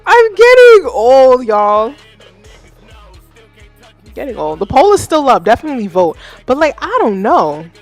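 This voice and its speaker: A woman in her thirties hosting a live music feedback stream, chatting casually, animated and self-mocking, talking to her chat. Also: sits high, unhurried, pauses often. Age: 30s. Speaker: livestream host giving music feedback. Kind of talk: casual livestream commentary.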